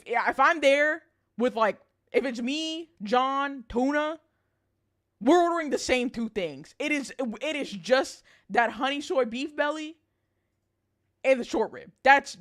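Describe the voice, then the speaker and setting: A woman's voice: fairly high pitch, fairly bright tone. A woman chatting casually as a livestream host, with a bubbly, girlish streamer delivery and a blunt, sweary, playfully emphatic way of talking. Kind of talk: casual livestream chat, reading and answering viewers.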